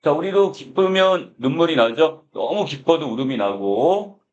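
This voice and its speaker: A man's voice: on the high side, expressive, a little slow. Man lecturing, repeating a filler "so". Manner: starts most phrases with a filler "자", paraphrases the text in casual speech. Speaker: Korean literature teacher. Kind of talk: classroom lecture explaining a text. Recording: dull lo-fi lecture recording.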